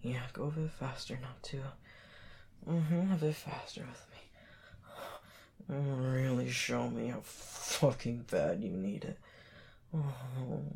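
A man performing an intimate audio roleplay, talking in soft whispers with drawn-out murmurs and sighs. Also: medium pitch, gravelly, slight background noise.

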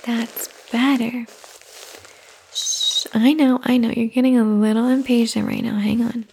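A woman in an ASMR caretaker roleplay, speaking softly and soothingly, often in a whisper, close to the microphone. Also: a little high, flat delivery, measured pace, creaky, slight background noise.

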